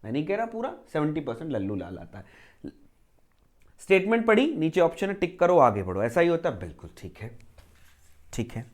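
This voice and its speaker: A man's voice: fairly high pitch, huge pitch swings, fairly quick. A man teaching an exam preparation lecture, asking himself rhetorical questions and repeating key phrases to drive each point home.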